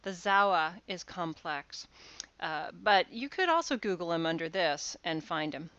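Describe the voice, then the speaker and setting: Woman lecturing over slides, smooth low voice. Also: animated, measured pace, sharp tone, dry recording, muffled recording. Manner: explanatory, with frequent "uh" and restarts. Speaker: university lecturer. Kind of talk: recorded course lecture.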